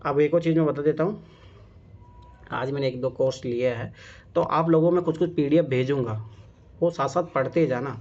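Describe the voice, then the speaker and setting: Fairly high in pitch and a little mellow, this man's voice moves at a moderate pace with long pauses. Teaching a casual exam-prep class, he's emphatic and often checks his students' understanding with "theek hai?" and "samajh mein aaya?". The classroom audio is dull and lo-fi.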